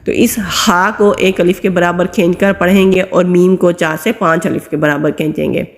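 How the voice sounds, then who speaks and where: Long hall reverb carries the fairly low, fairly even voice of a woman teaching Quran reading. She goes step by step, patiently explaining how every letter is said and drawing out the sounds while reciting.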